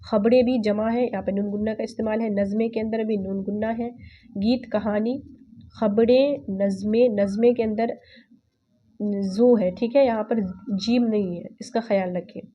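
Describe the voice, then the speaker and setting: A woman teaching a reading lesson, patiently spelling out words and repeating them slowly. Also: medium pitch, steady tone, highs cut off. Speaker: Urdu teacher.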